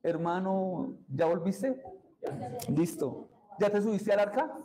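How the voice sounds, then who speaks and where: A man's voice: high-pitched, expressive, slow, a crowd in the background, poor audio. A man, preaching a sermon as pastor and putting questions to the congregation.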